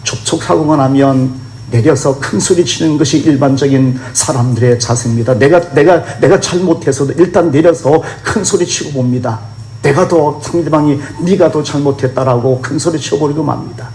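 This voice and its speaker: A man's voice: a little high, moderate pace, darkish tone, roomy sound, a little hiss or hum. A man preaching a sermon as pastor, earnest and exhorting, voicing the complaints of believers in a raised voice.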